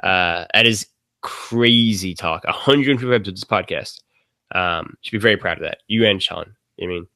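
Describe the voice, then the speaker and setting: A man's voice: deep voice, a little fast, sharp tone, dry recording. Man, casual podcast guest, rambling, many ums and likes, dry recording. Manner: rambling, laughs often, many fillers.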